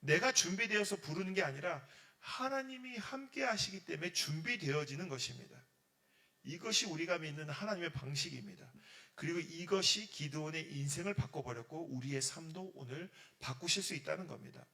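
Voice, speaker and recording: Pastor preaching to teens, raised voice that swings widely, breaking into loud acted-out quotes. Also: male voice, on the high side, fairly quick. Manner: animated, acts out prayers and God's words with sudden loud bursts. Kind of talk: sermon.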